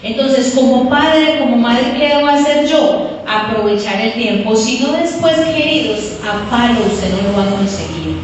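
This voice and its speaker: A woman delivers a sermon, her fairly high voice carrying through a big echoing hall. She is recorded from a distance, so the long reverb wraps around every phrase. A faint room ambience hangs underneath. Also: a little slow, few pauses, slight background noise. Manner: addresses listeners as "queridos", animated storytelling. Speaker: preacher. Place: church hall. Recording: echoey hall from far off.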